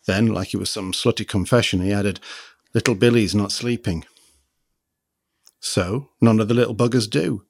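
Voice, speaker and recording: A man's voice: on the low side, a little fast, creaky, few pauses. A man around sixty, born in Liberia, reading a short story to a writing group and chatting hesitantly. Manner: hesitant, repeats words when unsure. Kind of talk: reading aloud and casual chat.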